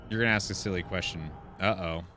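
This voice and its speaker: Talking fast in a low-pitched voice that sounds pushed and bright, a man casually commentates on a game, thinking aloud and reading out quest text. He's a gaming content creator, and game music and sounds play faintly in the background.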